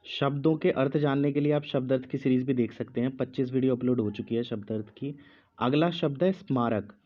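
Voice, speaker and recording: Male teacher, slow measured dictation, muffled lo-fi sound. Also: mid-range voice. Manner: speaks slowly with pauses, repeats each word. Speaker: Hindi teacher.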